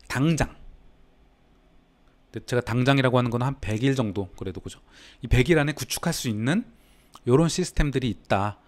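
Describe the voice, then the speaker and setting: A man hosting a casual livestream as a business coach, talking to his chat and reading comments aloud. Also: medium pitch. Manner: chatty, answers live chat, reads comments aloud.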